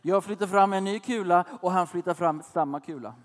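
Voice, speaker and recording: Brief: male preacher in his thirties, conversational sermon, higher-pitched voice, long hall reverb. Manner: chatty, asks listeners questions.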